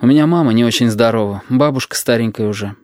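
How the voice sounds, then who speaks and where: A man's voice: mid-range voice, quick pace, darkish tone, dry recording, studio quality, lightly acted. A man reading an audiobook, voicing a gloomy young male student who talks in a reluctant, subdued way.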